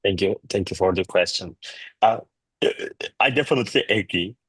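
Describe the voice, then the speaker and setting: A man, a startup founder answering a panel's questions on a video call, halting with many restarts. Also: low voice, a bit bright, slightly rough, no echo. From Turkey.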